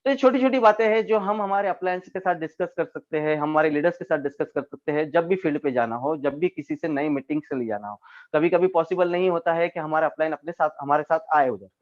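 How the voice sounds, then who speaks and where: A man with a high voice leads a training session over a video call and explains each point patiently, turning to his listeners as friends again and again. The audio sounds dull and lo-fi. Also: quick pace. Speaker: network marketing trainer. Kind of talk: online training talk.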